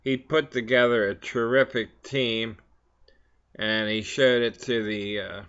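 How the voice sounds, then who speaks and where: A man talks at an unhurried, slow pace in a medium-pitched voice, pausing and hesitating as he goes. He sounds like a pipe smoker chatting casually between puffs. The recording is a little dull and lo-fi. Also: fairly even intonation, fairly bright tone, smooth. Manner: halting, hesitant delivery with frequent long pauses. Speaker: vlog host. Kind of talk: casual rambling pipe-and-chat monologue.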